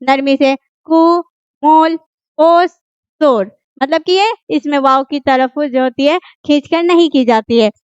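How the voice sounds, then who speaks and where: A woman's voice: sits high, moderate pace, few pauses, no room sound, muffled recording. A woman teaching a grammar lesson, who keeps asking the class questions and then answers them herself. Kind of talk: grammar lesson explained at a board.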